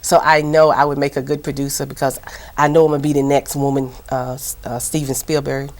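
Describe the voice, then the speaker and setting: A woman's voice: rumbling low, flat delivery, brisk, a little mellow. A woman with a Southern US accent, a TV host and producer, chatting as a guest in an interview, rambling along with plenty of fillers. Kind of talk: casual interview chat.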